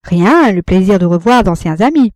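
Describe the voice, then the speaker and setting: A woman's voice: mid-range voice, expressive, normal speed, darkish tone, dry recording, natural voice. A woman reading the lines of an ardent, bitter young man in a storybook, in an impassioned, pleading way. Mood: ironic.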